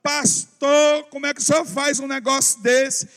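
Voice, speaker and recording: A cranky elderly widow , as a pastor puts her on, scolding loudly in a high, whiny voice. She sounds aggrieved and demanding. It echoes through a large church hall with a long reverb. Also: measured pace, soft background music. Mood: complaining. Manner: loud reproachful whining. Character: difficult elderly widow church sister, complaining.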